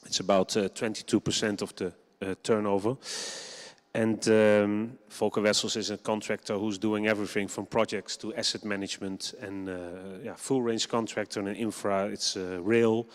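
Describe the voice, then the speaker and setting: A man gives a conference presentation, his low voice smooth and clear as he explains at an even rate, often pausing on an "um". Long hall reverb trails behind every phrase. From Netherlands. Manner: steady explaining with many ums.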